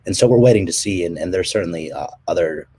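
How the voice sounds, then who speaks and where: A man presenting his company's standards work and answering questions, speaking haltingly with many fillers and restarts. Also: deep voice, expressive, mellow, a little hiss or hum. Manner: halting, many ums and restarts, coughs between phrases. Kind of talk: technical presentation and Q&A.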